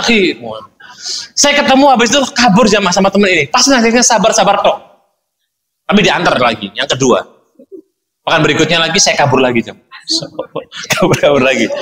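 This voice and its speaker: Bright-voiced male preacher telling stories. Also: a little high. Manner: animated storyteller, acts out dialogue, addresses congregation often. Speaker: Islamic preacher. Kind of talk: sermon with personal storytelling.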